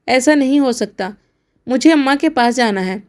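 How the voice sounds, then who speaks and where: A woman's voice: high-pitched, lively intonation. Woman voicing a desperate young bride. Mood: pleading. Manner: emotional, pleading. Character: young bride, pleading and defiant.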